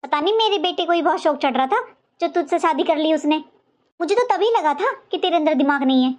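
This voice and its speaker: A woman voicing a sharp-tongued older mother-in-law in a cartoon, taunting and sarcastic in every line. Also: high-pitched, animated, quick pace. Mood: sarcastic scolding. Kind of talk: cartoon voice acting.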